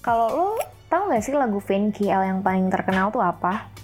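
A woman's voice: medium pitch, lively intonation, moderate pace, faint music behind. A young woman hosting like a DJ, chatting informally in slang and addressing listeners as friends. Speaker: radio-style host and DJ. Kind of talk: casual chat presenting pop music trivia.

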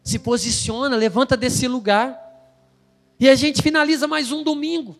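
A man's voice: extremely high pitch, fairly even intonation, normal speed, big-room sound. A male pastor preaching a sermon, emphatic and storytelling, acting out the quoted voices.

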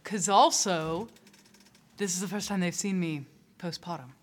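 Low-voiced woman player. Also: unhurried. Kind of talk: describing her character's actions.

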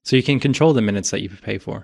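A man's voice: fairly low pitch, racing, vocal fry. A man with an American accent, hosting a scripted language lesson podcast with some casual chat.

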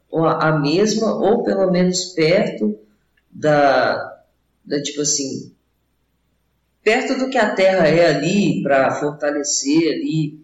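A young Brazilian man in a casual, rambling chat, talking in a slangy, meandering stoner style. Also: on the high side. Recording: roomy echo, slightly dull sound.

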